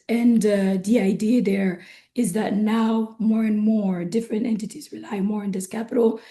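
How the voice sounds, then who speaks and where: A woman speaking as a panelist on an online discussion, her voice hoarse and not its usual sound, talking in a measured way and often checking in with "right?". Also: medium pitch, warm tone. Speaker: panelist from an investment firm. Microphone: video call.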